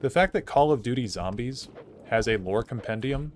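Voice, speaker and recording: There's slight background noise as a young man streams a game, speaking at normal speed in an animated, mid-range voice. He chats loosely with viewers and thinks out loud, using "like" as a frequent filler.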